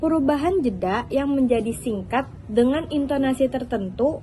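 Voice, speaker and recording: A young woman with a fairly high voice reads a prepared lesson explanation at a steady pace. Her delivery is even and scripted. Faint noise runs under the recording. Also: normal speed. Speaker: student presenter. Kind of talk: read-aloud explanation.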